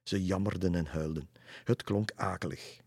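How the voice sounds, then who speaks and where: A man reading a children's story aloud in a calm, steady way. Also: low-pitched, normal speed, creaky, breathy edge, no echo, studio quality. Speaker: narrator.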